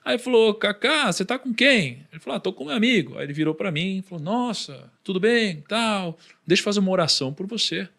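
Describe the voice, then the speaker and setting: Lively Brazilian man telling a story. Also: high-pitched, brisk, creaky, few pauses. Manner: animated, acts out the voices of others in his story. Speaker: podcast guest. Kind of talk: personal storytelling in a conversation.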